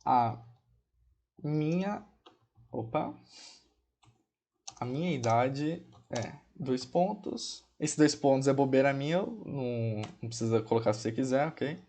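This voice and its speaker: Teaching code in a laid-back screencast, a man with a Brazilian Portuguese accent speaks at medium pitch, animated yet mellow. He spells out each command slowly as he types, sprinkles in diminutives, and keeps checking on viewers with "ok?" and "pessoal".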